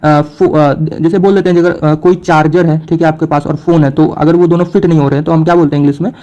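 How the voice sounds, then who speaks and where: A young male teacher with a warm, mellow, slightly raised voice explains words in Hindi. He reads English definitions slowly in an Indian accent and pauses on fillers to keep his students with him. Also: a little high, level tone, dull audio. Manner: frequent fillers and "theek hai" checks. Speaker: exam prep teacher. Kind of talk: vocabulary lesson.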